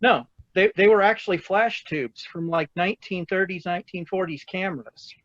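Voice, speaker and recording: A man's voice: high-pitched, normal speed, a bit bright, no echo, dull audio. A man in casual video call chat, chatty and full of restarts as he shares movie trivia. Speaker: cosplay group member.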